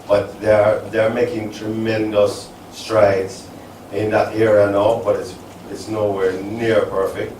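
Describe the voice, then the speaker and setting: A man's voice: fairly low pitch, flat delivery, measured pace, darkish tone. A man from Jamaica speaking at a business symposium, answering audience questions in an earnest, rambling way with many restarts. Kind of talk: live panel talk answering audience questions. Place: resort event hall. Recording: echoey event hall from far off, faint noise.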